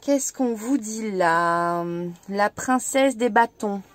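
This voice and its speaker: French woman giving a gentle tarot reading. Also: mid-range voice, slow pace. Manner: gentle, reassuring, repeats herself. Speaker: tarot reader.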